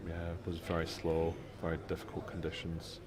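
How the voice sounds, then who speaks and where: A man from Scotland, giving measured, analytical live commentary on a pool match. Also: deep voice, monotone. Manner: measured, analytical shot-by-shot remarks. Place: busy pool venue. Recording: crowd noise in a venue. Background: crowd chatter.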